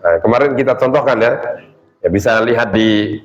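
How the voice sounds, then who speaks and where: A man giving a relaxed religious study lecture, explaining points and checking in with listeners with rhetorical questions. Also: mid-range voice, moderate pace. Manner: explanatory, frequent rhetorical "ya" and "gitu kan". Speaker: Islamic study teacher. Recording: echoey, slightly dull lecture recording.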